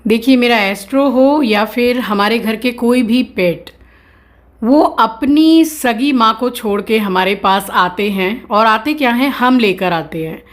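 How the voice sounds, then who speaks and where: Woman, fairly high voice, casual home vlog, earnest, explaining to viewers. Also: unhurried. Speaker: vlogger.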